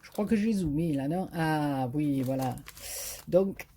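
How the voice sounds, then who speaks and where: A woman's voice: deep voice, unhurried, warm tone, a little hiss or hum. A woman with a Marseille accent chatting casually in a craft haul video, hesitant and full of fillers, enthusiastic about what she shows. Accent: Marseille French. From southern France. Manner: enthusiastic about paper designs. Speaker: craft vlogger.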